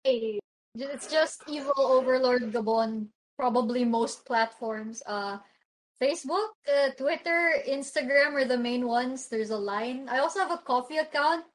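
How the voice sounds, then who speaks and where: A woman, a cosplayer guest, talking in a quick, offhand casual way. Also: high-pitched, low-quality recording. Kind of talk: casual chat.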